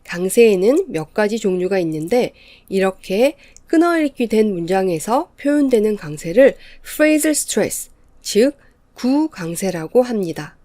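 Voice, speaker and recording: A woman lecturing as an English teacher, explaining in an even, measured way. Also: medium pitch, no room sound. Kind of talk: scripted lecture narration.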